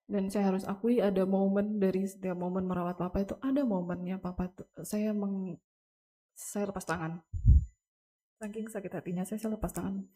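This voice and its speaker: A young woman giving an earnest, halting personal testimony to a congregation at a memorial service, speaking straight to the listeners. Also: mid-range voice, fairly even intonation, dark tone, slightly rough. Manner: earnest, halting, addresses listeners as Bapak Ibu. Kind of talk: emotional spoken testimony to a congregation.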